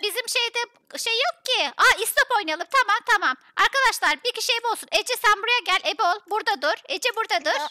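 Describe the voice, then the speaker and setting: High, bright-voiced woman excitedly leading a game. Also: no echo, clean studio sound. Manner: excitable, organizes others with quick instructions. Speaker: roleplay game player. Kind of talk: casual gaming roleplay chat.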